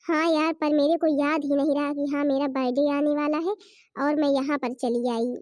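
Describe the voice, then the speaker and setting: A woman playing a vain, fashion-mad old mother-in-law in a cartoon, showy and pleased with herself. The voice is high and recorded dry. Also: level tone, moderate pace, a little mellow, dry recording, natural voice.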